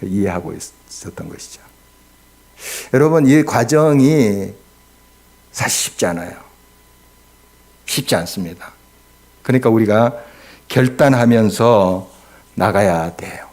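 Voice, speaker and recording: Low, gravelly-voiced male pastor preaching. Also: expressive, slow pace, long pauses. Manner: earnest preaching that swells loud on key words, with rhetorical questions. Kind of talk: midweek prayer-meeting sermon. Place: church.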